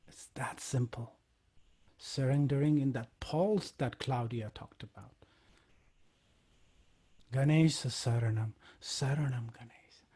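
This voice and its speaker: A man from Nepal, softly guiding listeners into a devotional chant, often trailing off to a near whisper. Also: medium pitch, breathy edge. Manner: soft-spoken, halting, drops to near whisper. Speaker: musician leading a chant. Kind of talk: guided devotional chant session. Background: faint percussion music.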